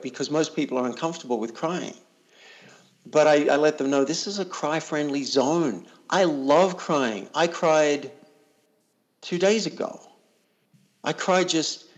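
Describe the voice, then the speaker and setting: A man working as a coach, talking earnestly and reflectively in a casual interview, often repeating words as he thinks. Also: mid-range voice.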